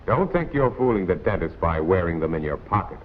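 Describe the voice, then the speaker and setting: On the tinny, noisy soundtrack of a 1940s instructional film, an American narrator with a low voice admonishes viewers in plain, colloquial language. His delivery is brisk and sing-song.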